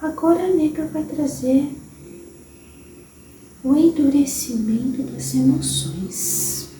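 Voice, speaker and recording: Channeling a wise, gentle grandmother spirit, a Brazilian-accented medium talks slowly and soothingly, her tender, motherly voice sinking into whispers. She's high-pitched, picked up from afar in a roomy space, with slight background noise.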